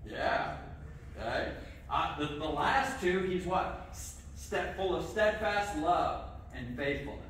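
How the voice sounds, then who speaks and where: A middle-aged pastor with a slightly high voice gives a children's sermon, speaking slowly and in a lively way, asking the kids questions and often checking in with "okay." A far-off camera captures him in an echoey church sanctuary with the congregation present, with a little background noise.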